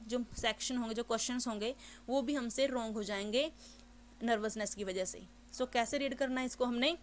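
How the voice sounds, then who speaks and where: Woman tutoring, slow careful reading. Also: a little high, slight background noise. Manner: explains step by step, reads model English passages slowly and deliberately. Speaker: English exam tutor. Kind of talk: teaching lesson, reading sample passages aloud.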